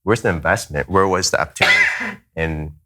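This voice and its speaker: A man's voice: low-pitched, sharp tone. A man serving as a chaplain, speaking earnestly in a roundtable discussion with frequent restarts. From United States. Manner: earnest, halting, with many restarts.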